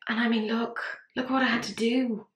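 A woman's voice: fairly high pitch, flat delivery, normal speed, echoey room, heavy background noise. A woman with an Irish accent doing a casual makeup review, chatty and filler-heavy, who talks herself through setbacks. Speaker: beauty vlogger.

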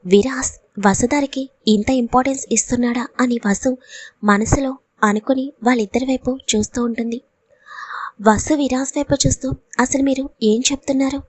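A woman narrating a serialized audio story in a steady, expressive reading voice. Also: fairly high pitch, moderate pace, no echo.

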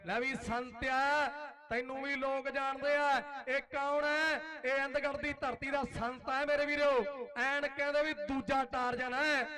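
A man with a Punjab accent giving frantic, exclamatory rural sports commentary as a live kabaddi commentator. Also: very high-pitched. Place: outdoor village sports ground. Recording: loud outdoor crowd, public-address commentary.

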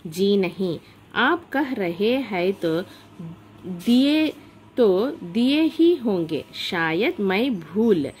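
Woman reading timid young governess, meek, soft, hesitant, very slow. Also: mid-range voice, sing-song, slight background noise.

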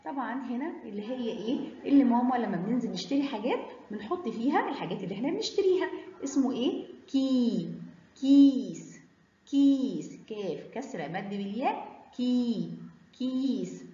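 A woman with an Egyptian accent teaching children Arabic letters, sounding them out in a sing-song, drawn-out way. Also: fairly high pitch, sing-song, mellow. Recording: roomy, slightly dull recording.

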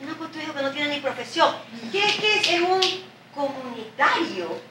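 A woman's voice: sits high, animated, normal speed, very noisy. An actress on stage playing a blunt, mocking working-class mother of the bride in a live comedy sketch. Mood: scornful. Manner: mocking, teasing, earthy. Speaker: stage actor. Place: theatre stage. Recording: echoey stage, picked up from far off.

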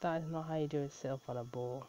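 Speaking quickly in a warm, low-pitched voice with fairly even intonation, a video reaction host swears and laughs through her blunt, disbelieving commentary. The sound is dull lo-fi, with a little background noise.

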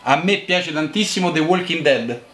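A man's voice: fairly high pitch, lively intonation, normal speed, fairly bright tone. A young man repeating phrases emphatically in playful game banter, often laughing. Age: young adult. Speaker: video creator. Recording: roomy, noisy with voices and laughter.

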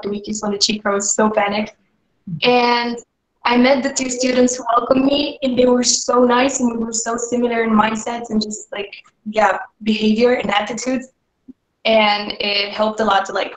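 A young woman from Romania, an exchange student, chatting on a video call from a small kitchen and telling her story with lots of fillers. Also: a little high. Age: young adult. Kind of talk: casual video-call conversation. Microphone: video call webcam. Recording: echoey room on a webcam.

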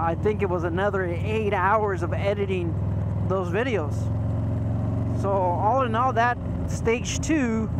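A man's voice: high-pitched, background noise. A man motovlogging in a rambling, casual chat full of restarts, recorded outdoors on a motorcycle through a helmet-mounted camera. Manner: rambling, loose and unhurried, with frequent restarts. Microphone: helmet-mounted action camera.

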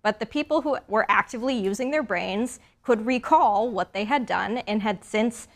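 A woman's voice: fairly high pitch, normal speed. A woman in her thirties on a TV studio panel who talks in a conversational way and often checks in with "right?", on a lapel mic.

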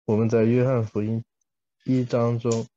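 A man's voice: mid-range voice, little pitch movement, moderate pace, mellow, highs cut off. A man working as a live interpreter, rendering a speaker's words sentence by sentence, with small self-corrections.

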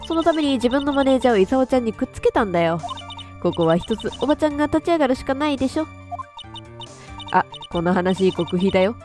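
A woman voicing a pushy, gossiping middle-aged woman who talks brashly and roughly. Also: high-pitched, expressive, quick pace, darkish tone, faint music behind. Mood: indignant.

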